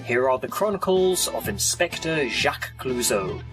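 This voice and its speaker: A man's voice: mid-range voice, very animated, moderate pace. Man narrating a scripted documentary over music.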